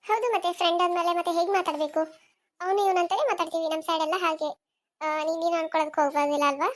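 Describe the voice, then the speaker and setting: A woman's voice: very high voice, steady tone, racing. A woman voicing a bossy, meddling young woman friend in a cartoon serial. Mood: assertive. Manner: bossy, coaxing.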